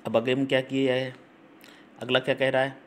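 A man teaching English grammar for exams, explaining in Hindi with frequent check-ins, spelling words aloud and reading English sentences slowly. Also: medium pitch, little pitch movement, slight background noise. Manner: repetitive, checks in with listeners (ठीक? हम्म?). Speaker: English teacher for exam prep.

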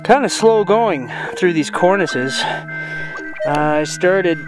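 A middle-aged man casually narrating his backcountry trip outdoors, talking to a handheld camera in an easy, unhurried way with fillers. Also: high-pitched, low-quality recording. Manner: relaxed, unhurried running commentary with fillers. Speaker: hiker filming his own trip. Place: outdoors on a snowy mountain ridge. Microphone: handheld camera at arm's length. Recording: background music over the voice.

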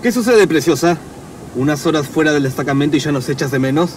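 Man playing a high-voiced rebel cop partner. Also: fast talker, darkish tone, slight background noise, close to an everyday voice. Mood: cocky. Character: smooth-talking rebel male cop partner. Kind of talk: parody of dubbed American buddy-cop show. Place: inside a car.

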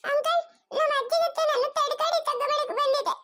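A woman's voice: fairly quick, fairly bright tone. A woman voicing a frightened little lost girl who cries and pleads in an amateur family skit. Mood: crying, pleading. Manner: crying, pleading, shrill.

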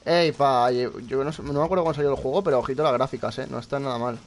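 Jumpy young Spanish streamer, gravelly. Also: male voice, medium pitch, fast talker. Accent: Spain Spanish. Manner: jumpy, swears often, talks to viewers. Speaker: gameplay streamer. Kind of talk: casual live gameplay commentary.

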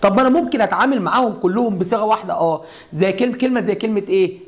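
Speaking very fast in a high-pitched voice, a middle-aged Egyptian-accented man teaches Arabic grammar at a board. His classroom lesson moves step by step, punctuated by repeated rhetorical questions to the students.

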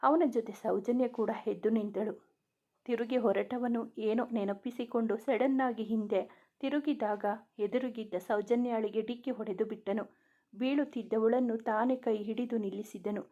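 Female storyteller, slightly high voice, reading a romance aloud over a tinny phone-like line. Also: fairly even intonation, moderate pace, dark tone.

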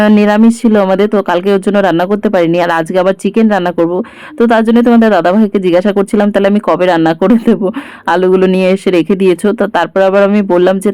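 A woman's voice: mid-range voice, warm tone, clean tone, dry recording. A woman talks through her day in a casual home vlog. She is homely and chatty and speaks to viewers as if they were friends. She is recorded in her home kitchen. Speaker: vlogger.

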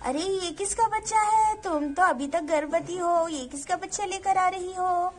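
A woman's voice: very high voice, moderate pace. A woman voicing a cheerful village mother in a cartoon doll story, coaxing and sing-song as she talks to children and a baby.

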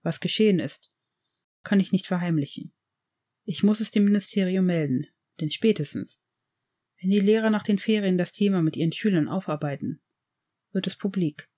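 A woman reading the part of an old male headmaster, grave and gentle, in an audiobook of fan fiction. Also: lowish voice, close to an everyday voice. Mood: earnest. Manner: earnest, measured, reproachful.

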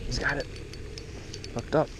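A young man filming himself bass fishing at a pond, chatting to viewers in slangy, excited bursts. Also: a little slow, noisy background. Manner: excited, slangy, talks to viewers as bro and dude. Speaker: fishing vlogger. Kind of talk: casual commentary while fishing. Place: outdoors by a suburban pond. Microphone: head-mounted action camera.

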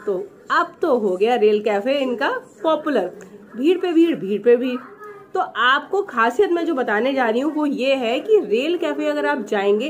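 A woman in her thirties from India, chatting sarcastically to a phone camera in a small room, slipping English phrases into her talk. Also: high-pitched. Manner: gestures with her hands as she talks. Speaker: vlogger. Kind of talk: casual review vlog.

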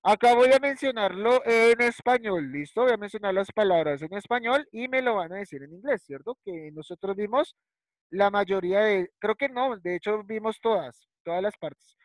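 A man's voice: sits high, lively intonation, moderate pace, no room sound, rough recording. Patient man teaching children online. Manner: patient, repeats words, ends lines with ¿cierto? and ¿listo?. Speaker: primary school English teacher. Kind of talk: online class in Spanish and English. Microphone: video call.

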